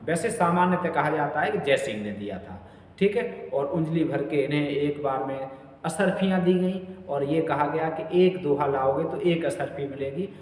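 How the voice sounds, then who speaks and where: A man's voice: a little high, normal speed, darkish tone. A man teaching Hindi literature for exam prep, asking questions and answering them himself. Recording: echoey room, voice far from the mic.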